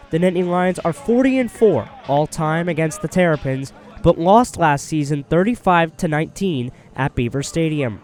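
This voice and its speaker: A high-leaning, darkish male voice belongs to a sports broadcaster in his early twenties. Hockey play-by-play and scripted sports news reports make up his delivery.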